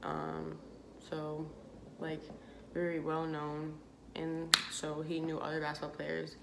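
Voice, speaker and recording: A woman's voice: deep voice, slow pace, heavy background noise. A young woman vlogger telling a casual story, rambling and leaning on filler words. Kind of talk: casual story-time vlog. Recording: echoey room with background music.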